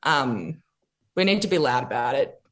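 A woman's voice: rumbling low, animated, normal speed, a bit bright. An Australian woman speaking in an impassioned political discussion, emphatic and indignant, repeating phrases for weight.

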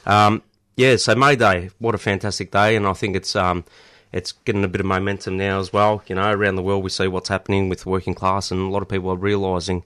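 Male Australian, low voice, blokey union-rep chat, very little room sound. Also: level tone, fast, hardly any pauses, a bit bright, smooth, no room sound, studio quality. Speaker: union representative, podcast host. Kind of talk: casual chat.

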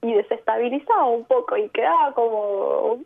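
Here an Argentine woman from Mendoza speaks at a normal speed in a fairly high voice with some vocal fry. She's an immigrant guest on a reflective phone-in radio interview, explaining her views with care and frequently adding brief tag questions, all in an Argentine Spanish accent over a tinny line.

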